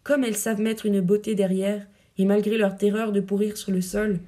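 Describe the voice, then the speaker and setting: A woman voicing an aging male poet-soldier, proud and teasing but secretly dying, reading verse drama with a gently mocking, lyrical delivery. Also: medium pitch, little pitch movement, moderate pace, natural voice. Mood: wry.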